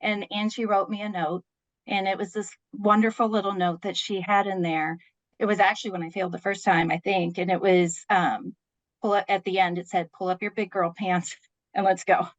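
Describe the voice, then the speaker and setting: A woman in her fifties, a podcast guest, telling a personal story in an earnest, expressive way, laughing between lines. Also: mid-range voice, normal speed, dry recording, muffled recording.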